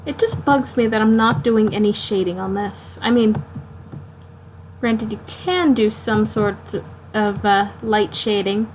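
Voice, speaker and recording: A woman's voice: mid-range voice, poor audio. Woman streamer, tired late-night ramble, mid-range voice, faint hiss behind. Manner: rambling, halting, talks to herself while drawing. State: sleepy, yawning late at night. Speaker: art streamer. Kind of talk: casual live-stream self-talk.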